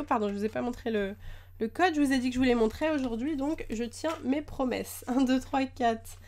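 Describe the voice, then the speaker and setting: A woman's voice: fairly high pitch, a little mellow, slight background noise. A woman chatting casually at her desk as she unboxes trading cards, gushing over the cute ones. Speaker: card-opening YouTuber. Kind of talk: casual chat while unboxing.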